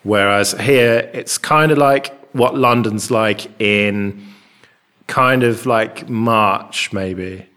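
An English man chatting casually and rambling a bit, recorded with a big hall echo in a large, open flat with a concrete floor. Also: fairly low pitch, extremely slow. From England. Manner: rambling and chatty, with many fillers. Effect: big hall echo from an enormous, bare room. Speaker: podcast co-host. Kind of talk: casual chat.

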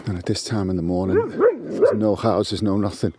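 A man's voice: fairly low pitch, wildly swooping pitch, moderate pace, noisy background. A man talking casually while walking his dog on a canal towpath, rambling with many restarts. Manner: rambling, with frequent restarts and fillers. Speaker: guest contributor. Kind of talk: casual walk-and-talk monologue. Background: birdsong.

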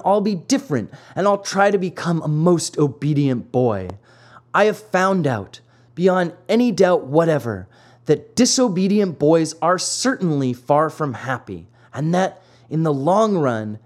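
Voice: medium pitch, darkish tone. A reader voicing Pinocchio, a remorseful runaway wooden puppet boy, in a storybook reading, pleading in a raised boyish voice.

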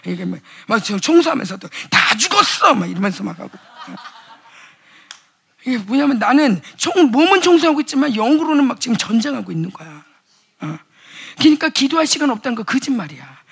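A woman's voice: a little high, animated, a little fast, creaky, breathy edge. A middle-aged woman preaching a casual, chatty sermon to young adults, acting out quoted voices and rising to fervent exhortation. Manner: acts out quoted voices and mutters asides. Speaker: pastor's wife preaching at a youth revival.

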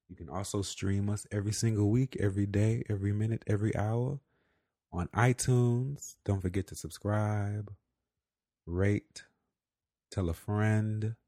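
A man's voice: fairly low pitch, fairly even intonation, a little slow, mellow, dry recording, studio quality. A man co-hosting a podcast, talking in an earnest, reflective way with casual fillers. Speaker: podcast co-host.

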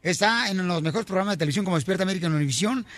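A man's voice: high voice, very fast, a bit bright, no room sound. A man hosting a morning radio show, playful and teasing as he jokes with guests. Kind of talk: joking morning radio banter.

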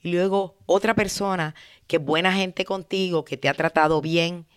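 A woman hosting a podcast, giving direct advice in an animated way and acting out sample dialogues. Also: fairly low pitch, normal speed, clean tone, dry recording, clean studio sound. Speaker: podcast host.

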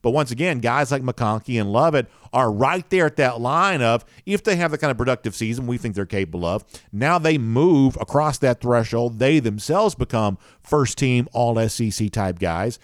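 A man's voice: medium pitch, lively intonation, normal speed, few pauses, no echo, clean studio sound. A man hosting a solo sports podcast, talking conversationally with fillers and self-corrections. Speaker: podcast host.

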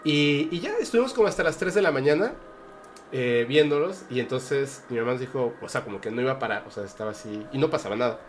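A man's voice: medium pitch, lively intonation, fast talker, slight background noise. A man with a Mexican Spanish accent telling a personal story on a podcast, earnest and hesitant with many fillers and restarts. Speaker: podcast guest. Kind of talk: casual storytelling.

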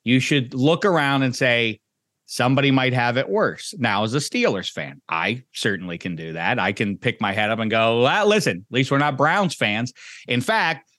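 A man's voice: expressive, moderate pace, fairly bright tone, no echo, clean studio sound. A man hosting a sports talk show, joking and theatrical in casual chat. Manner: jokey, theatrical, big pitch swings. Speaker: radio show host.

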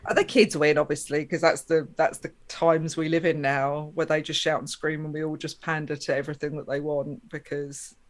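A woman's voice: sits low, level tone, moderate pace, hardly any pauses. A woman from Essex with an Estuary English accent, talking casually and candidly as a podcast guest, blunt and a bit sweary. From Essex, England. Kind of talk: casual, candid interview chat.

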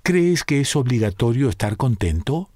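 A man's voice: mid-range voice, very animated, normal speed, darkish tone, no room sound, clean studio sound. A man doing a wry, bitter thin man in his thirties. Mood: ironic. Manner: wry, teasing.

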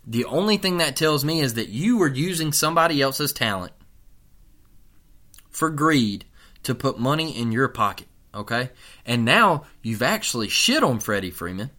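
A man's voice: mid-range voice, big pitch swings, moderate pace, pushed and bright. Fired-up male sports talk ranter. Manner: fired up, profane, repeats lines for emphasis. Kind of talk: heated sports opinion rant.

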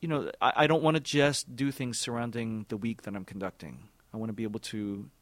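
Speaking in a steady, mid-range voice with no echo, a forties-aged man who directs an orchestra fields interview questions. His answers are reflective and halting, peppered with fillers and repetitions.

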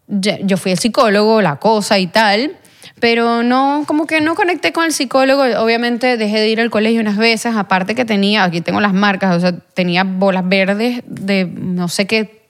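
Woman telling her story haltingly. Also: medium pitch, steady tone. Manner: halting, many fillers and restarts, earnest. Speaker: guest. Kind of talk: personal testimony in a podcast interview.

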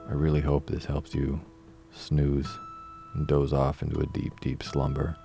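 A man with an extremely low, gravelly voice works as a sleep story narrator. His delivery is soft-toned and dark, gentle and unhurried, made to lull a listener to sleep. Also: monotone. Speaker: sleep podcast host and reader. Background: soft plucked guitar-ukulele music.

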